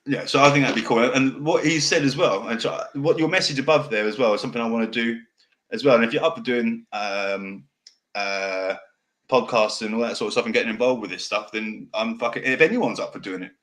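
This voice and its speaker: A man's voice: mid-range voice, fairly bright tone. A man hosting an off-the-cuff podcast who can't pronounce his R's, saying w for r, and talks in a direct, passionate, rambling way, often losing his thread and swearing casually. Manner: fast, direct, passionate delivery that can sound angry. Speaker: podcast host.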